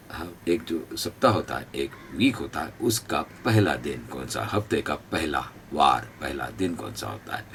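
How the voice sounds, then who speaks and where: A man's voice: low voice, a little hiss or hum. A man with a North Indian accent teaching English pronunciation, repeating each word for the learners to copy. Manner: drills pronunciation by repeating words. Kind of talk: spoken English lesson. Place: classroom or institute.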